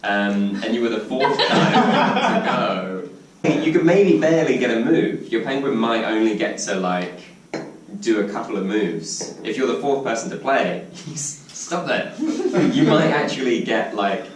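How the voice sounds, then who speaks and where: A man's voice: medium pitch, very animated, a little slow. Man for casual group review: rambling, jokey, recorded far from the mic with faint noise. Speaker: board game reviewer. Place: indoor room with other players. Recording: echoey room, distant mic, faint noise.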